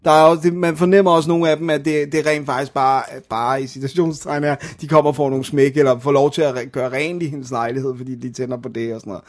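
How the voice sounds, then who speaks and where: A man's voice: mid-range voice, steady tone, few pauses. A man co-hosting a casual film podcast, explaining plots at length and a bit hesitantly. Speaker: podcast co-host. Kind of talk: casual film-review chat.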